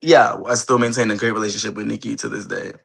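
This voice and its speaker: A man's voice: fairly low pitch, steady tone, fast talker, vocal fry, a bit bright, slightly rough. Chatty man. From Queens and Harlem, New York, later Delaware. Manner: chatty, emphatic, repeats himself. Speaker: interview guest, celebrity stylist and reality show cast member. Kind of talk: casual interview chat. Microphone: phone on a video call.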